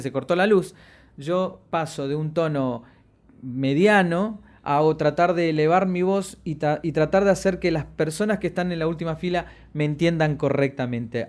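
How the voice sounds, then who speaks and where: In a lesson on projecting the voice, a male instructor of voice and media plays with pitch and volume on purpose. He stretches out important words to stress them, speaking with lots of expression.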